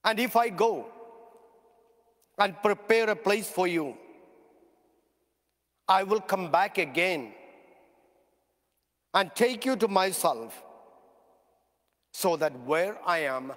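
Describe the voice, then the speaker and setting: A male priest reads scripture in a slow, measured liturgical cadence, his voice sitting a touch high for a man. The sound carries a long cathedral echo and comes from some distance away in a large church. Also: lively intonation, a bit bright. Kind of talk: reading the Gospel at a funeral Mass.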